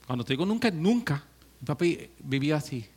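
A man preaching a sermon as pastor, swinging from hushed, slow stretches to loud, joking outbursts. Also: on the high side, very animated, husky.

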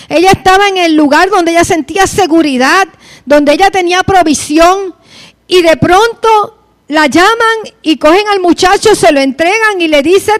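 High-voiced woman preaching a sermon. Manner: reads scripture then preaches with rising passion.

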